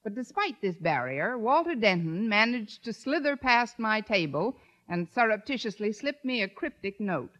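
A woman's voice: mid-range voice, sing-song, moderate pace, fairly bright tone. A woman playing a wry, wisecracking schoolteacher in old radio comedy, with a dry, sardonic delivery. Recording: dull vintage radio broadcast.

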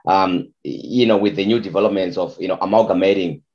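A man from Zimbabwe, a youth soccer head coach, answering interview questions in halting speech full of fillers and repeated words. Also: low voice, darkish tone. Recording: dull lo-fi sound.

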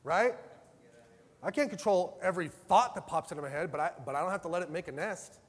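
High-voiced passionate preacher man in a hall. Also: lively intonation, a little fast, breathy edge. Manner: passionate, conversational preaching with a wide swing between loud and soft. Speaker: pastor. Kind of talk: sermon.

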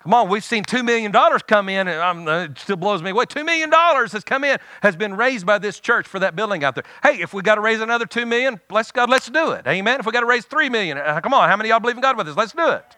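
Man, middle-aged, pastor preaching, high bright voice, call-and-response, dry close sound. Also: expressive, fast, few pauses, no echo. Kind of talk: sermon.

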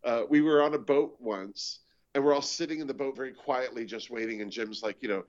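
A middle-pitched man from Canada tells haunted-location stories with comic timing, often popping into the voices of the people he quotes. He talks like a stand-up comedian chatting with a host. The audio is dull and lo-fi. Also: a little fast. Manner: animated storytelling, acts out quoted voices. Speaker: comedian and show host, guest. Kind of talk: casual chat, storytelling.

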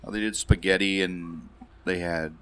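A man's voice: deep voice, fairly even intonation, moderate pace, background noise. A pub owner, a man, talking plainly and a little hesitantly about his business. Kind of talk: casual interview chat.

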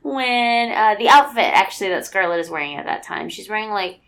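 A woman's voice: mid-range voice, animated, a little fast, creaky, a bit bright. A young woman co-hosting a casual podcast chat, agreeable, with short replies and easy swearing. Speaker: podcast co-host.

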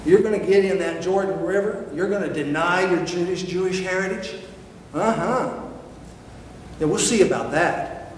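Scoffing, sarcastic ancient religious leaders sneer at a repentant follower, as a preacher puts them on. The voice sits high for a man, and the room's long reverb trails every word. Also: moderate pace, slight background noise, natural voice. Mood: scornful. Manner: mocking, sarcastic.

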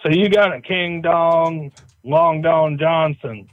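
A man's voice: on the high side, steady tone, slow, no echo. A man on a phone call, joking along and growing bewildered as he talks from his truck. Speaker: prank call target. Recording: muffled phone line.

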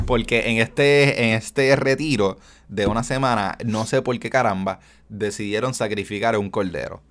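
Animated young man telling stories. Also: lowish voice, a little slow. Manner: animated storytelling, mixing English into Spanish, acting out voices. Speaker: podcast host. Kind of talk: casual chat.

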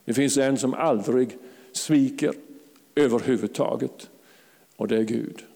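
A man preaching a fervent sermon to a congregation, calling out hallelujahs and sometimes rising to a shout. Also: medium pitch, vocal fry, in a large hall. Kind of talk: charismatic sermon. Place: church.

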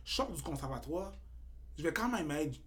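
A comedian guest with a Québécois accent talks in a loose, animated podcast style, dropping English slang into his French. His voice sits a bit high and rings bright and forceful, and he swells louder whenever he gets fired up. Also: normal speed. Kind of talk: casual podcast chat.

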